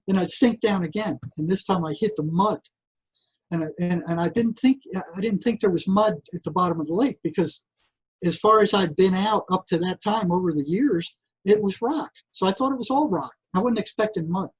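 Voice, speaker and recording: An older man, a guest psychotherapist, tells a long story in a casual interview, his high-pitched, slightly rough voice moving at a moderate pace. He's animated, keeps restarting his sentences, and acts out voices. The audio quality is poor.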